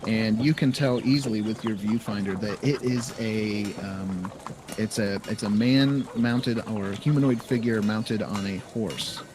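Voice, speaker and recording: Low-voiced male dungeon master, loose improvised narration, noisy amateur audio. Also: a little slow. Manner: loose, explaining rules as he goes. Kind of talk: improvised tabletop game narration. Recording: noisy home podcast recording.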